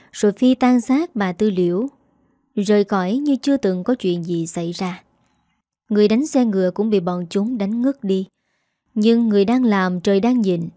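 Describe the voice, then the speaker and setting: A woman narrating a dramatic scripted story in a steady storytelling manner. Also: medium pitch, no echo, studio quality.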